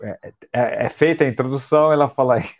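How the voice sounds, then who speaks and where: A man co-hosting a comedy chat, telling jokes in a halting way and repeating his words. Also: mid-range voice, muffled recording. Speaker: comedy podcast co-host.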